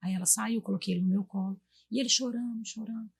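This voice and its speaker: Brazilian woman in her thirties, husky tone, chatty storyteller voicing her own quotes. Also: medium pitch, steady tone, quick pace. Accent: Brazilian Portuguese. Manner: warm storytelling, acts out quotes to her kids. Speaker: guest. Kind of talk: casual chat.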